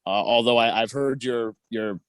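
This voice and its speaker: A man in his forties calls in over a video call for a casual chat, sounding hesitant and often stammering and repeating himself. His mid-range voice is smooth and moderately paced, with no echo.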